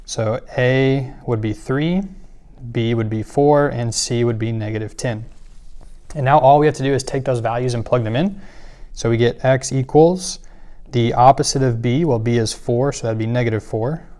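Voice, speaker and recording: A man's voice: mid-range voice, normal speed. A man teaching a math lesson, walking through worked examples step by step with occasional fillers. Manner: steady step-by-step explaining with fillers.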